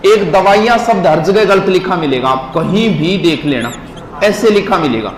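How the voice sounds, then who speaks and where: A man's voice: sits high, lively intonation, moderate pace. A man, teaching in a classroom lecture and drilling words syllable by syllable while quizzing his listeners. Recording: echoey hall with faint noise.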